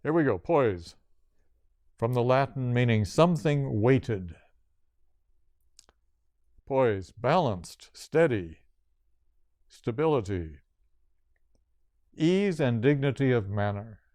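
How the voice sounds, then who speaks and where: An older man giving a spiritual yoga talk, speaking slowly and deliberately in short listed phrases. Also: mid-range voice, expressive, a little mellow, dry recording, studio quality. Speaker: yoga teacher.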